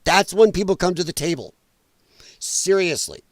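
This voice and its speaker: At a moderate pace and with a voice that sits high, a man runs a political commentary livestream. His casual monologue is blunt and sarcastic, full of mocking impressions of opponents, and there is no echo.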